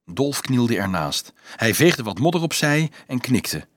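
Man, audiobook narrator, expressive reading, wide-ranging melody, dry close recording. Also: medium pitch, unhurried, dry recording. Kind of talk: scripted storybook narration.

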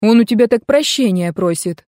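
Woman reading as a young male mercenary, sarcastic, teasing, pushy, mellow voice, audiobook. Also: a little high, expressive, moderate pace, dry recording, clean studio sound, natural voice. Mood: mocking. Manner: mocking, joking drawl.

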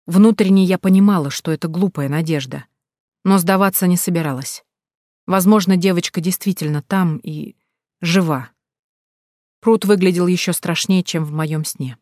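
A woman reads a first-person story aloud with a tense, dramatic delivery. Her voice sits on the low side, and the recording is dry and close with no room sound. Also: a little mellow, no echo.

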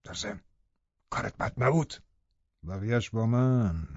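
A man's voice: mid-range voice, lively intonation, a little mellow, dry recording. A man voicing a cruel, scornful middle-aged captor in an audiobook, speaking in a taunting, cutting way. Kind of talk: audiobook character reading. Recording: dry, slightly dull studio audio.

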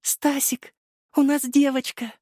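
A man reading an audiobook, voicing a loving mother just after childbirth who speaks high, tender and close to sobbing. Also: flat delivery, takes it slowly, a little mellow, no room sound. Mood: tearful. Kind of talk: audiobook character voice.

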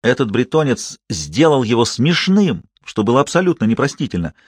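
A man narrating an audiobook in a measured, even storytelling manner. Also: mid-range voice, slightly rough, no room sound, clean studio sound. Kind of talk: scripted narration.

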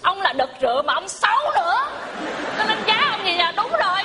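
A scolding matchmaker aunt played by a woman mocks everyone in a high voice. She is heard on a live stage, with a crowd and noise around her. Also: sing-song, brisk, bright, forceful tone, heavily acted. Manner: mocking, scolding. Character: sharp-tongued middle-aged matchmaker aunt. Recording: live audience, hall noise.

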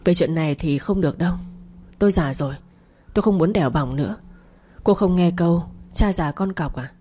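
A woman's voice: lowish voice, fairly quick, warm tone, natural voice. Woman reading as a tired, reluctant older man. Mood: weary reluctant. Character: weary older man caught in an affair.

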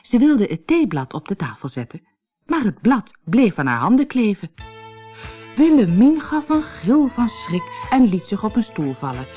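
Expressive woman reading a storybook aloud. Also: medium pitch, normal speed, slightly rough, soft background music. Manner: expressive, lively. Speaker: narrator.

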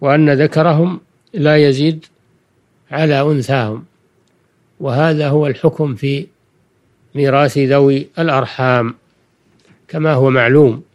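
An older man, a religious scholar, giving a Quranic lesson in formal Standard Arabic, deliberate and didactic, repeating key phrases. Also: mid-range voice, fairly even intonation. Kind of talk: Quranic exegesis lecture for listeners.

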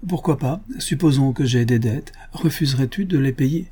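A man's voice: medium pitch, normal speed, warm tone, breathy edge, voice pushed up, natural voice. A man voicing an anxious young married daughter who pleads hesitantly with her father.

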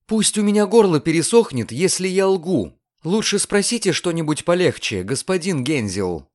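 A man voicing a sharp, proud young maid in an audiobook reading, speaking curtly and defiantly. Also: sits high, sing-song, moderate pace, pitched above the performer's own voice. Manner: curt, defiant.

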